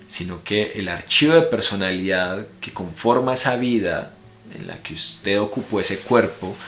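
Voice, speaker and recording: Deep-voiced Colombian Spanish man explaining. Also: fairly bright tone. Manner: explanatory, addresses viewers directly. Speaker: spiritual book reader and commentator. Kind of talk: reading a book aloud with commentary. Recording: echoey room.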